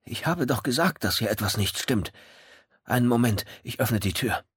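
A man's voice: medium pitch, animated, normal speed, husky, dry recording, clean studio sound, pitched above the performer's own voice. A man voicing a worried, boastful company director of about sixty in a read-aloud story. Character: anxious, proud sixty-year-old company director.

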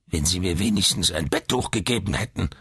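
A man's voice: sits low, brisk, creaky, a bit bright, breathy edge, dry recording, clean studio sound, exaggerated voice. A man voicing a peevish newborn who is seventy years old, with a cracked, quavering voice and a whining manner. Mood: whiny.

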